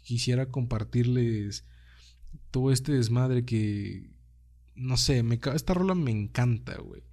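Casting: young Mexican man, podcast host, low and mellow tone, loose and slangy, swears freely. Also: measured pace, creaky. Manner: slangy, swears freely, says "güey" constantly. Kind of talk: casual solo podcast monologue.

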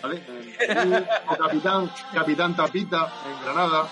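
A man's voice: a little high, music in the background. A man in a casual group chat, arguing his point. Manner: fast, argumentative.

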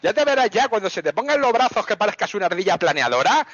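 A man playing a boastful, foul-mouthed old space marine veteran in a nursing home, calling in with a husky voice over a dull phone line. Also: high voice, sing-song, fast, fairly bright tone, dry recording, heavily acted. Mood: grumpy scolding. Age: older. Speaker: phone-in comedy character.

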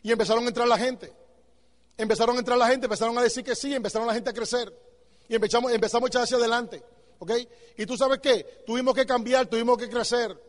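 A man's voice: very high-pitched, fairly even intonation, fast talker, big-room sound. A man giving an emphatic motivational talk, asking the listener rhetorical questions. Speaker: motivational speaker.

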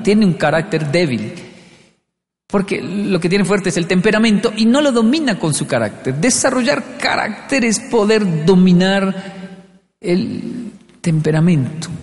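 Animated high-voiced man in a hall. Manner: animated storyteller, acts out dialogue with playful voices. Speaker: speaker on leadership. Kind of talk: live motivational talk.

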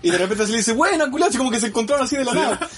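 A Chilean man co-hosts a podcast, telling animated stories in crude slang. His voice is high and fast over loud crowd noise. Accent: Chilean Spanish. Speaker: podcast co-host. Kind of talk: casual podcast chat.

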